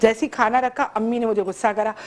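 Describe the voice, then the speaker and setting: High-voiced, laughing woman host. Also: fast. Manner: animated storytelling, laughs often. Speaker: morning show host. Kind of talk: casual studio chat.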